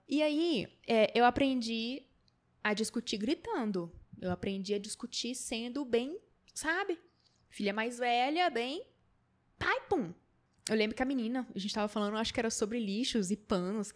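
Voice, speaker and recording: A young adult woman hosting a podcast, telling stories in a casual, animated monologue and acting out quotes. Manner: animated storytelling, acts out quotes with shrill high voice. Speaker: podcast host.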